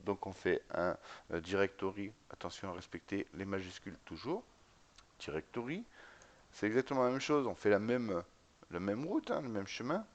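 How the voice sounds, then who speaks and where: A man's voice: fairly low pitch, lively intonation, moderate pace, muffled recording. A man giving a casual step-by-step tutorial on setting up a web server, spelling out commands letter by letter and often checking in with the viewer. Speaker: tutorial instructor. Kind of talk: screen-recorded command-line tutorial.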